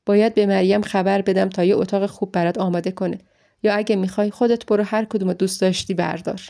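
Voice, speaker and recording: A woman's voice: medium pitch, steady tone, creaky, mellow, close to an everyday voice. A woman voicing a caring adult man who speaks earnestly and reassuringly, in an audiobook story.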